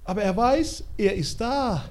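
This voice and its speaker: A man preaching a sermon in an animated, colloquial way, swinging between quiet and loud. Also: sits high, unhurried.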